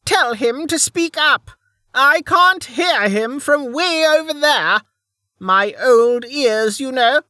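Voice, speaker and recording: A man voicing an ancient, withered old woman who is venomous and scornful, in a high, drawn-out voice. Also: animated, sharp tone, no room sound, clean studio sound, exaggerated voice. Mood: complaining. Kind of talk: audiobook character voice.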